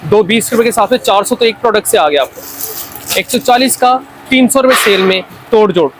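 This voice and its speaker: High-pitched Pakistani man giving a hard-sell pitch. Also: moderate pace, background noise. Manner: repeats his lines insistently. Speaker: wholesale toy seller presenting stock.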